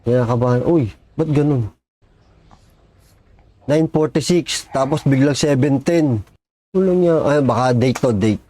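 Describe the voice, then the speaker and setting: A man's voice: medium pitch, a little slow, long pauses, mellow. A man giving casual reaction commentary on a video, chatting to viewers and cursing when startled. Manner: jumpy, exclaims and curses when startled.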